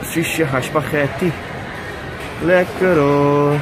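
A chatty, upbeat Dutch man in his thirties talks to a camera held at arm's length while he walks outdoors through a busy theme park. His voice sits a little high for a man. Music plays clearly in the background. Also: fairly even intonation, drawn-out words, low-quality recording. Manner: chatty, upbeat, many fillers. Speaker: vlogger. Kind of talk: casual travel vlog. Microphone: action camera at arm's length. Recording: music clearly heard behind.

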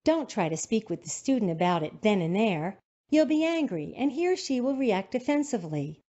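A woman narrates a teacher-training video in a calm, instructive voice. Her intonation moves a lot, and her tone is mellow. The recording sounds dull and lo-fi. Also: medium pitch, moderate pace. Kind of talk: scripted narration.

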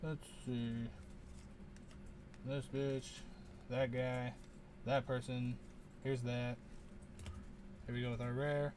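A man's voice: medium pitch, little pitch movement, slow pace, pauses often, background noise. A man hosting a casual unboxing video, rambling and muttering to himself, often unsure how to say things. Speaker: channel host opening card packs.

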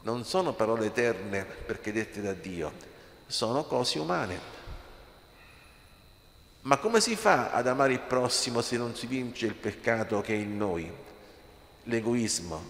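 A man's voice: medium pitch, animated, a little slow, pauses often, fairly bright tone, a little hiss or hum. A man, a priest, preaching an impassioned sermon in a church, firing rhetorical questions at the congregation. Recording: echoey church with long reverb.

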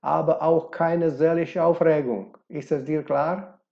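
Man voicing a gruff old village doctor, gravelly, slow and brusque, dull lo-fi sound. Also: a little high, fairly even intonation. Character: grumpy, knowing old male village doctor.

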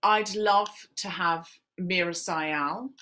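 Bright-voiced woman hosting a video call. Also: lowish voice. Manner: chatty, joking, quick asides. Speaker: podcast host.

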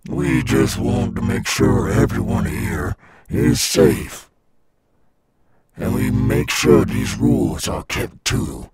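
A man playing a cool, swaggering animatronic alligator rockstar in an ASMR roleplay, gravelly and coaxing, as if talking to a child. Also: low voice, expressive, noisy background, full character voice. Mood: coaxing, searching. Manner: slow, coaxing, addressing a child listener. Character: cool, swaggering male animatronic alligator rockstar guarding his golf course.

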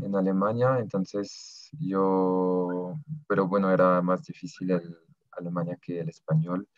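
In a small room at home, a young man from southern France, French by birth and studying Spanish, responds to an interviewer over a video call. His low voice is a little mellow, and his speech is halting, broken by frequent pauses while he finds the right words. Recorded dry on a laptop webcam, the sound is dull and lo-fi.

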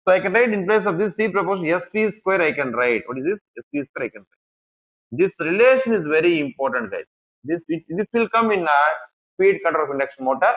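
A male engineering lecturer with an Indian English accent leads a classroom lesson in a fairly high voice. He keeps repeating key phrases and asks the class questions that he then answers himself. The recording sounds thin and tinny, like a phone line.

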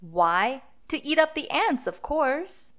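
A woman leads a children's phonics read-aloud, speaking deliberately and sounding out letters and words for young listeners. Her voice sits high, sing-song and fairly bright.

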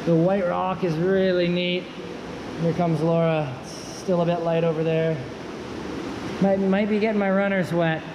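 In a rock cave with running water, a young adult vlogger speaks into a handheld camera with a high voice, a level tone and a slightly slow pace. His casual, awed remarks and exclamations bounce around the cave, muffled by echo and loud water noise.

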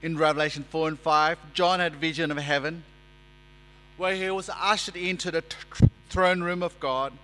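A man delivers a sermon from a lectern microphone in a church sanctuary, measured and emphatic as he builds his points. His slightly high voice is bright and ringing with fairly even intonation. Long reverb trails each phrase, and a low mains hum sits underneath.

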